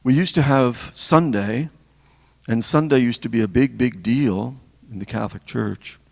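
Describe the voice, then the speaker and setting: An older man, a deacon, giving a reflective spiritual talk with storytelling and pauses between phrases. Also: medium pitch, vocal fry, darkish tone. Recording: long hall reverb.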